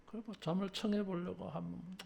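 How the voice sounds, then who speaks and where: The pastor's voice sits in the mid-range with a steady tone, a darkish color and some vocal fry, at a moderate pace. This is a conversational sermon at a church service, where phrases often end with a filler word, the congregation is invited to repeat after the pastor, and formal and casual speech mix.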